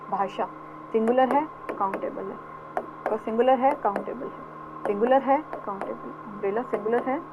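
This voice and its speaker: A woman's voice: a little high, noisy background. A woman teacher with an Indian accent giving a grammar lecture, patiently repeating words and quizzing her students. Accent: Indian English. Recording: dull lo-fi audio.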